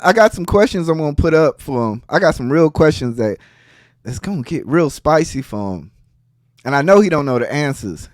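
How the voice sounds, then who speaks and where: A man's voice: on the high side, no echo, clean studio sound. A man hosting a podcast, giving heated casual commentary in a profane, mocking way. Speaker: podcast host.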